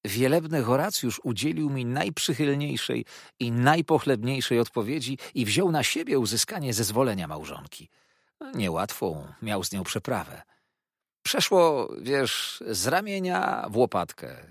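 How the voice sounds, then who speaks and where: A man's voice: medium pitch, very animated, unhurried, dry recording, studio quality. A man reading an audiobook, voicing a cheerful young male lawyer who rambles eagerly about his new marriage. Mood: effusive.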